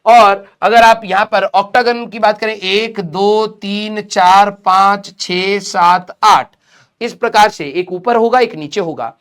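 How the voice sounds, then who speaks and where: A young man teaching a recorded physics lecture with a sore throat, speaking slowly, repeating key terms and asking questions he then answers himself, slipping English phrases into his talk. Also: sits high, a bit bright, clean tone. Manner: mixes English phrases into Hindi.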